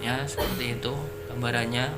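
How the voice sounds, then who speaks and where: A man's voice: mid-range voice, flat delivery, moderate pace, noisy background. A man teaching a casual physics lesson, explaining step by step and dropping in tag questions and fillers.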